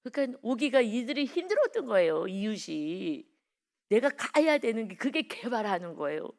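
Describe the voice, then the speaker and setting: A woman's voice: on the high side, very animated, normal speed, gravelly. A woman pastor giving an early-morning devotional sermon in a conversational way, telling personal stories and putting questions to the congregation.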